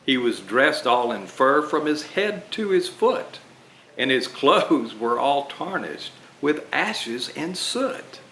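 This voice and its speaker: Slow, sing-song man reading aloud. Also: on the high side, slight background noise. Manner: slow, expressive rhyming read-aloud. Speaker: storyteller playing Santa. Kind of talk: reading picture books aloud. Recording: roomy echo.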